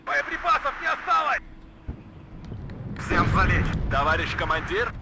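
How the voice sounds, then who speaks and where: An eager Soviet soldier in a war game, pitched high and swinging widely. He barks clipped military reports over very loud vehicle noise. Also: sing-song, a little slow, vocal fry, exaggerated voice. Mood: urgent, commanding. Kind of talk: shouted military unit responses in a war game. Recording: very noisy, vehicle rumble behind.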